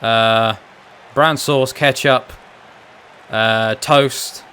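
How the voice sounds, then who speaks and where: A man's voice: medium pitch, steady tone, very slow, bright, forceful tone, slight background noise. A young man from England, chatting casually and ramblingly while streaming a fighting game, with frequent restarts and some mild swearing. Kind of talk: casual chat while gaming.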